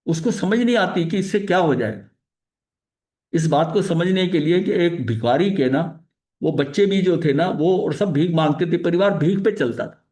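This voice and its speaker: High-voiced man leading a study talk. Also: moderate pace, darkish tone. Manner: conversational teaching, often with repeated filler phrases and restarts; mixes English terms into explanations. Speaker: spiritual study leader. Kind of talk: explanatory religious study talk.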